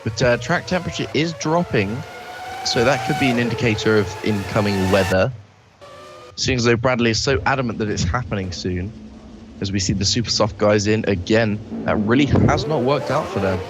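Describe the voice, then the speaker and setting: A man's voice: lowish voice, normal speed, background noise. A man co-commentating a sim race, laid-back, teasing and sweary. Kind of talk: casual sim-racing commentary. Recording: music playing behind.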